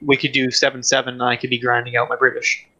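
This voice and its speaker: Guy on a game stream, sharp bright voice, kinda monotone, lots of ums. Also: mid-range voice, fast, rough recording. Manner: hesitant, lots of ums and restarts, flat delivery. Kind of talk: casual gaming chat.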